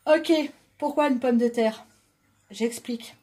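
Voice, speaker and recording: A woman's voice: on the high side, slow pace, warm tone. A woman from southwest France, hosting a chatty home cooking demonstration in her kitchen. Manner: chatty, joking, talks while stirring. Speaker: home cooking video host.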